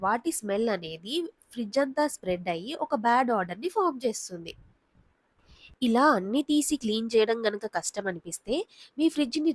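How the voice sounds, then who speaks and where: Calm woman's dry voice-over. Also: fairly high pitch, dry recording. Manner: calm, explanatory. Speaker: home vlogger. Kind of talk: instructional voice-over.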